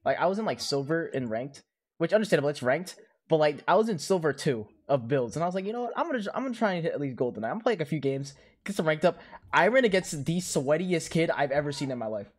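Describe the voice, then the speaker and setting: A man's voice: on the high side, animated, fast talker. A young man hosting a casual podcast with friends, rambling with lots of filler words and frequent laughs. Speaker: podcast host. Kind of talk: casual chat among friends.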